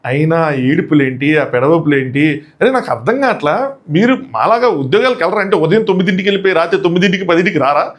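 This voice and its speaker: Fast high-voiced mocking man. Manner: mocking and excitable, slangy asides. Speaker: show reviewer and host. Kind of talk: casual comic review.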